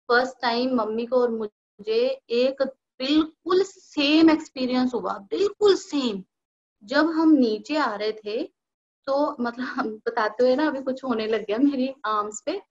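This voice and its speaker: A young adult woman, telling a personal devotional story in a casual, animated way and acting out the dialogue of others. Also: sits high, a little slow. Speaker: devotee sharing a personal experience. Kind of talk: casual spoken testimony. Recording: dull lo-fi recording.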